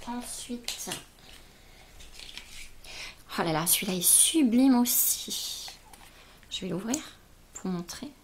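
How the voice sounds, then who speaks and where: With an expressive, mid-range voice and a little background noise, a beauty vlogger chats casually while opening beauty gifts. She gushes with exclamations, speaking slowly and stretching things out.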